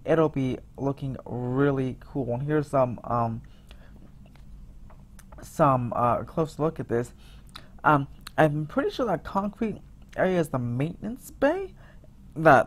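A theme park vlogger, a man with a fairly high voice, gives a casual, excited voice-over about construction photos. He rambles, restarting often and using lots of fillers.

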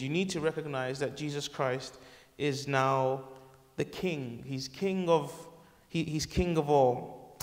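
A man in his thirties preaching a sermon in a large wood-panelled church, earnest and halting, often restarting and correcting himself, on a lapel mic. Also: fairly high pitch, long reverb tail. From England.

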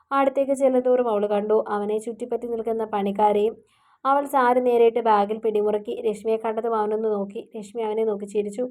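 A woman storyteller narrating a romance audiobook, reading gently and steadily. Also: on the high side.

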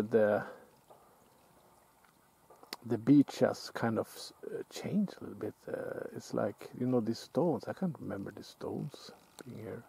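Fishing by himself at a lake, a Norwegian vlogger chats in English with a Norwegian accent, relaxed and reflective yet halting, with restarts. His voice is on the low side, gravelly and slightly rough. A shoreline camera records his casual self-filmed talk while he stays off camera.

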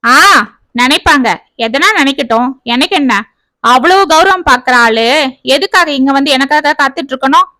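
A woman's voice: sits high, expressive, moderate pace, no echo. A woman voicing Sumathi, a bold teasing village girl. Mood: sulky. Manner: sharp, scolding, mocking. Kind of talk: storybook reading.

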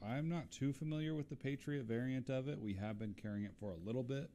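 A man acting as lead technical expert, explaining computer parts in a relaxed way with frequent fillers. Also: mid-range voice, fast talker, a little hiss or hum.

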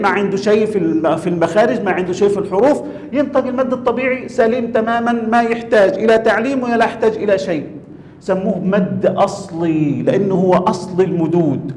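Male tajweed teacher, high voice, quizzes the class, roomy hall with faint rumble. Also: darkish tone. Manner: questions the class, stretches example words slowly. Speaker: Quran recitation teacher.

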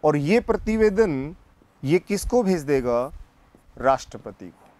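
A man gives a classroom lecture in a slightly raised voice. He talks at an unhurried pace and keeps asking questions that he answers himself. He goes back over the same points again and again. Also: on the high side, very animated, a little mellow. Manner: slow, deliberate delivery. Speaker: political science teacher.

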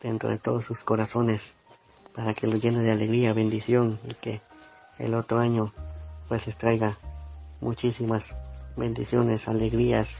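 A man from Guatemala, giving a rambling holiday blessing with pauses. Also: fairly low pitch, completely flat delivery, gravelly, darkish tone, soft background music. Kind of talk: recorded holiday greeting.

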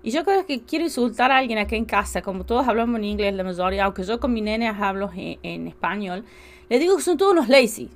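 An Argentine woman streaming a game from home, chatting with viewers in a casual way and bursting into loud excited exclamations. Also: mid-range voice, fast. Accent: Argentine Spanish. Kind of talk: casual live-stream chat while playing.

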